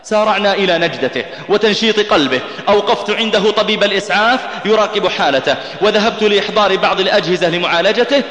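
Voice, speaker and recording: A man's voice: fast talker, few pauses, fairly bright tone. A man preaching an emotional sermon, telling stories with rising passion and chanting scripture in a melodic recitation. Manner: impassioned, voice climbing high and tense at dramatic peaks. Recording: echoey hall with long reverb.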